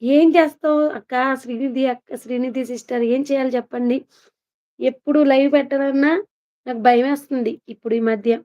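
Woman host on a live stream, greets viewers one by one, high and even, lo-fi phone audio. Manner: chatty, greets viewers one by one, laughs often. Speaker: vlogger hosting a live stream. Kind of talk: casual live-stream chat, reading viewer comments.

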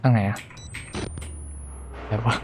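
A man giving casual commentary while playing a horror game, exclaiming and chattering at the screen. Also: slow. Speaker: gameplay streamer. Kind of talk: casual let's-play commentary. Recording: clear background game noise.

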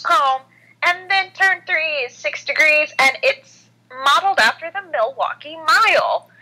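A woman's voice: high-pitched, expressive, measured pace, sharp tone, poor audio. A woman co-hosting a racing podcast in playful casual chat. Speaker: podcast co-host.

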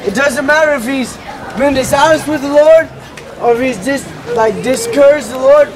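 A man's voice: very high voice, moderate pace, poor audio. A man heckling from an outdoor crowd, interrupting and repeating himself insistently. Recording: outdoor recording amid crowd noise.

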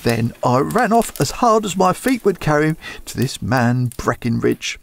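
A man's voice: fairly high pitch, big pitch swings, normal speed, creaky, a little hiss or hum. A man playing a frightened young thief who confesses in a desperate, pleading way in a radio drama. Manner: desperate, pleading, breaking into sobs.

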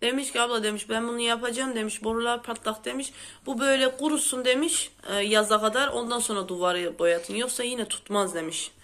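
A woman's voice: a little high, fairly quick, a bit bright. A woman hosting a casual home vlog, chatty and exclamatory, a bit sick with a sore throat, complaining as she talks. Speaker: vlogger host. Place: at home, indoors.

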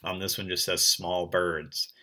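A young man talks children through an art lesson. His low voice has a very bright, forceful edge. He explains patiently and in a friendly way, with plenty of ums along the way. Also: little pitch movement, unhurried. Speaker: art teacher. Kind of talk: recorded class lesson for kids.

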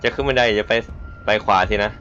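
Sudden startled yelps break through the tense, whispery muttering as this man streams a horror game and reacts live. He talks fairly quickly in a pushed, bright voice, captured as dull lo-fi audio with faint hiss.

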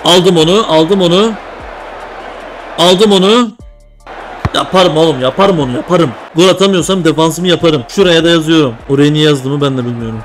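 A man's voice: a little high, moderate pace, soft background music. A young man commentating a mobile football game, groaning at setbacks and cheering at goals as he talks to himself. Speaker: gaming video creator. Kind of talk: excited gameplay commentary.

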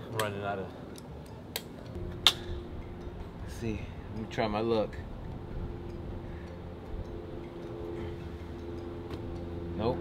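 A man's voice: on the low side, lightly acted. A man playing a grumpy, exasperated seventy-year-old grandpa, grumbling in a loosely improvised family comedy skit. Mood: exasperated muttering. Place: around a house, indoors and outdoors. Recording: noisy, roomy, distant camera-mic sound.

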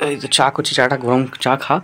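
A man's voice: medium pitch, little pitch movement, fast talker, bright, forceful tone, soft background music. A man, chatting casually to camera in a village home vlog, coaxing and narrating his chores. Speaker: vlogger. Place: rural home, indoors and outdoors.

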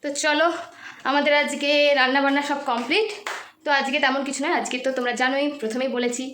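A woman's voice: high voice, steady tone, quick pace, a bit bright, roomy sound, a little hiss or hum. A woman, casually vlogging at home and on a family trip, chatting to viewers and cooing at her little daughter. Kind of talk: casual vlog chat.

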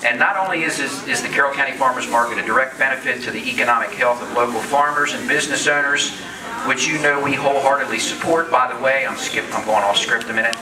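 A man's voice: mid-range voice, quick pace. A middle-aged man talks into a handheld mic in a large farm hall, and his voice rings through the echoing space. He reads from a proclamation and keeps breaking away from it for jokes. A crowd murmurs in the background. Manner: joking, off-script asides. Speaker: county commissioner presenting awards. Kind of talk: casual public ceremony speech. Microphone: handheld microphone. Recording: echoey hall, crowd noise, distant mic.

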